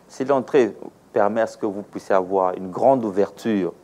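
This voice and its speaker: This man speaks at an ordinary speed in a fairly low, slightly mellow voice. Originally from the Democratic Republic of the Congo, he has a Congolese French accent and answers interview questions as an aviation expert, explaining things in a teaching manner with examples and rhetorical questions.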